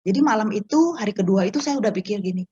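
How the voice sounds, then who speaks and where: A woman telling a personal testimony to an online prayer meeting, speaking to the listeners directly in an animated storytelling way. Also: mid-range voice, very fast, breathy edge, muffled recording. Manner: animated storytelling, addresses listeners as Bapak Ibu. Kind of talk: testimony to a congregation.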